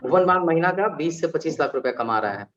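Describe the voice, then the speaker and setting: A man, an alumni guest on a panel, talking in an animated way and explaining with examples and rhetorical questions. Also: fairly high pitch, fast, slight background noise. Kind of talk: conversational panel talk. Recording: dull lo-fi recording.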